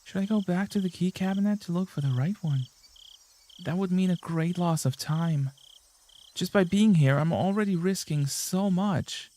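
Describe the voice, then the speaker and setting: A frantic teenage girl's racing inner voice, read out by a man in his own fairly high register. Tense and jittery, she keeps talking herself down from panic. It sounds like a visual novel read aloud. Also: moderate pace, dark tone, close to an everyday voice. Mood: panicked. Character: panicking teenage girl sneaking through a school.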